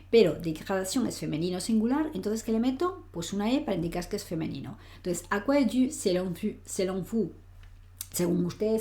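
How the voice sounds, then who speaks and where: A woman's voice: mid-range voice, dark tone. Patient woman teaching French grammar. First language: Spanish. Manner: patient, explanatory, frequent "¿vale?" check-ins; reads French example sentences aloud. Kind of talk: online grammar lesson.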